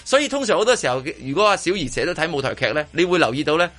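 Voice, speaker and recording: Speaking rapid-fire and very animated, this man has a fairly high voice and a fairly bright tone. He's a radio host in a studio with a Hong Kong Cantonese accent, chatting casually about a performance while repeating words and starting over.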